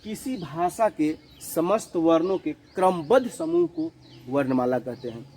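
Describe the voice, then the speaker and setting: A man teaching a children's grammar lesson, repeating each definition slowly, asking questions and answering them himself, and mixing in English words. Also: on the high side, lively intonation, mellow, a little hiss or hum, rough recording. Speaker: school teacher.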